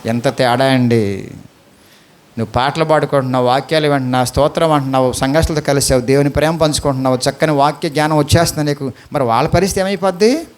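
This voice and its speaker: A man's voice: medium pitch, fast. A male pastor with an Andhra Telugu accent preaching a sermon, pleading with the congregation and firing questions at them.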